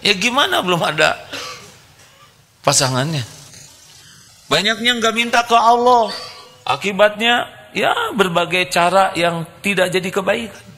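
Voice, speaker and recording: An older man, folksy and humorous. His voice has a gravelly texture with a bright, forceful edge, and he shifts between hushed pleading and lively emphasis. He speaks into a handheld microphone. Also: sits high. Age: 60s. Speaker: preacher. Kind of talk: sermon. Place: stage before a large indoor congregation.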